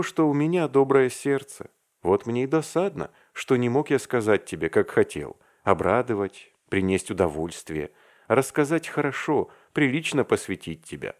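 A man's voice: medium pitch, darkish tone, pitched above the performer's own voice, close to an everyday voice. A man voicing a timid, earnest young male clerk who pleads and explains himself.

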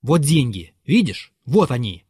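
A bitter, furious man, as a male reader plays him rants at his servant in a raised voice. His pitch swings widely while he shouts, and the sound is dry and close. The outbursts sound loud and strained. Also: very animated, measured pace, husky, no echo, heavily acted.

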